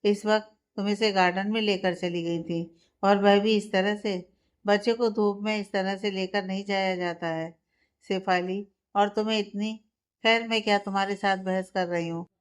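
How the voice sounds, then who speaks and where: A woman voicing a stern grandmother scolding her daughter-in-law, with a smooth, clear voice. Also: medium pitch, fairly even intonation, moderate pace, lightly acted. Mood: angry. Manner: stern, reproving.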